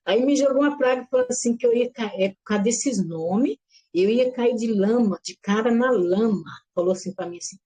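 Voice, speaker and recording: A middle-aged woman giving a lively personal religious testimony, acting out the voices in her story and calling her listeners brothers and sisters. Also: on the high side, fairly quick, slightly rough. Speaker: church member giving testimony.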